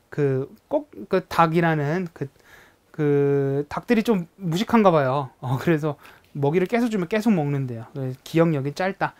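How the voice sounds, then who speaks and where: A young adult language teacher giving a recorded lesson who explains slowly, with many hesitant fillers, and imitates sounds to illustrate words. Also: medium pitch.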